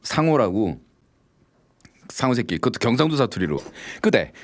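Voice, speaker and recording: A man's voice: medium pitch, moderate pace. A middle-aged man hosting a late-night radio show, telling stories with lots of laughter and swearing and acting out both sides of the conversations himself. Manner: lively storytelling, swearing and laughing at cheesy lines. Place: radio studio. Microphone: studio microphone.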